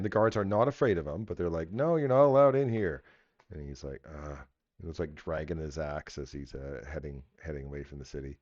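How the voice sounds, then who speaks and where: A man running a tabletop game as game master, narrating casually and making it up haltingly as he goes. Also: very deep voice, a little mellow, dry recording. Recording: slightly dull, muffled audio.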